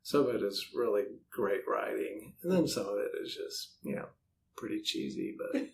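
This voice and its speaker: A man with a low, creaky, animated voice talks at a moderate pace as the interviewee, himself a podcast host and author. The chat is casual and a bit meandering as he thinks aloud, with faint background noise.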